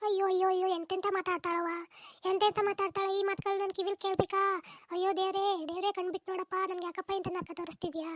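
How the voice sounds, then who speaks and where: Woman doing a squeaky old cartoon mother-in-law, whiny and dramatic, talks super fast, dry close mic. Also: level tone, no echo. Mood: wailing. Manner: wailing, bickering, melodramatic laments. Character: complaining elderly mother-in-law, self-pitying and dramatic. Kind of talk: comic cartoon dub.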